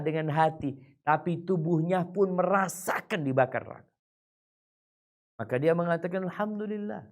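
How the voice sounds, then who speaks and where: Male preacher, religious talk; recites Arabic lines, then explains them casually; voice swoops high and low, loud to soft. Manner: colloquial asides to the audience. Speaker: Islamic preacher. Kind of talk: religious lecture.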